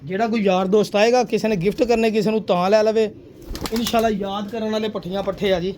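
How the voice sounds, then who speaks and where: A man with a fairly high voice shows off his pigeons in a casual, persuasive pitch. He keeps calling the viewer sir and brother. Faint pigeon cooing runs behind him. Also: steady tone, fast, a little mellow, a little hiss or hum. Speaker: pigeon seller showing birds.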